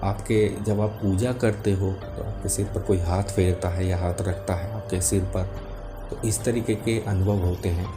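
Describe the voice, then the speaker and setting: Male spiritual explainer, calm and gentle, level low-key melody, clearly audible music bed behind him. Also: moderate pace. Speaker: spiritual teacher. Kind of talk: spoken religious explainer to viewers.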